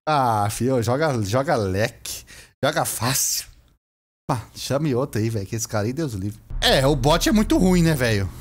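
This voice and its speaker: A young man with a Brazilian accent giving casual, excitable gameplay commentary, full of slang, shouting and laughing at the game. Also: medium pitch, moderate pace. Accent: Brazilian Portuguese. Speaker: gameplay streamer.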